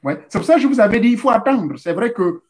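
Male spiritual teacher, high voice, didactic, talks straight to listeners, repeats steps. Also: animated, fast, darkish tone. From Central Africa. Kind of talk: instructional talk.

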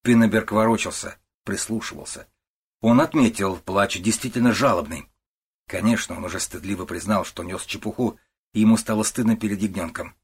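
A man narrating a novel in a measured, storytelling way. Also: on the low side, husky. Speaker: audiobook narrator. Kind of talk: novel reading.

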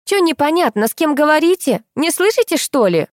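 A brash rich mother shrieks her demands in a high, piercing voice, as a woman reader puts her on. She is crude, bossy and indignant, and the reading sounds dry and close. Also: normal speed, darkish tone, dry recording, natural voice. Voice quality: shrill, shrieking. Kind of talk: audiobook reading.

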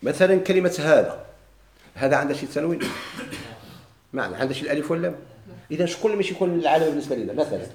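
A man's voice: a little high, expressive, racing, long pauses, darkish tone, roomy sound. A man with a Moroccan Arabic accent teaching a grammar lesson to a class, posing questions and answering them himself.

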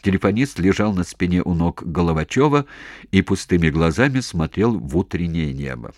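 A man narrating a war novel in a measured, even storytelling manner. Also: low voice, no room sound, studio quality. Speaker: audiobook narrator.

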